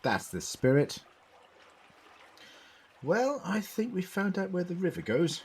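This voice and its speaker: A man performs a full character voice as the curious, eccentric time-travelling Doctor in an audio drama, investigating with inquisitive, precise musings. The voice is high, slow, a little mellow and husky, with big pitch swings.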